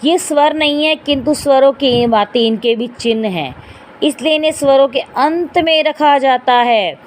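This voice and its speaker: Teaching Hindi grammar online, a woman sounds out each sound individually at a moderate pace in a high voice. Phrases like "theek hai" and "dekhiye" come up often as she checks in with students, over a slight hiss or hum.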